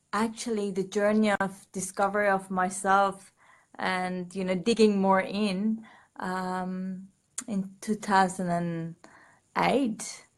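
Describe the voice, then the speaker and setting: Woman from Iran, guest, video call, unhurried pace, hesitant, searching for words. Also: mid-range voice. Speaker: guest speaker. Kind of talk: casual conversation. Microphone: video call, no headset.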